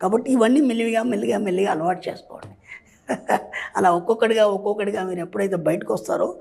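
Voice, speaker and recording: A man with a gravelly, slightly husky voice delivers a motivational spiritual talk. He speaks as a teacher and counselor and gives his listeners direct instructions. He often pauses to ask whether they have understood. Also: sits high, darkish tone. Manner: lecturing, often checks for understanding with repeated questions.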